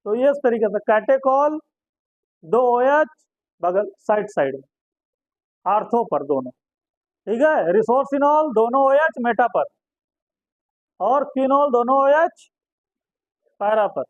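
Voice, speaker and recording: A man's voice: extremely high pitch, lively intonation, slow, long pauses, dry recording, dull audio. A man giving a chemistry lecture to students, asking questions and then answering them himself and repeating each term. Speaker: chemistry teacher. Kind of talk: classroom lecture.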